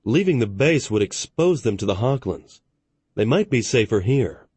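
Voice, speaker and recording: A man's voice: mid-range voice, big pitch swings, moderate pace, darkish tone, breathy edge, dry recording. A man reading an audiobook, voicing a doubtful male starship commander who questions things in a matter-of-fact way. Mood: questioning. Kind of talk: audiobook narration.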